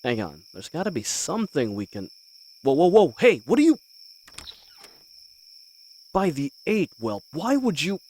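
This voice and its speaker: A man's voice: a little high, very animated, unhurried, pauses often, a little mellow. A man playing a roguish, good-humoured bandit leader in a fantasy audio roleplay, talking in a folksy, teasing and hesitant way. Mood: pondering, wary, then alarmed.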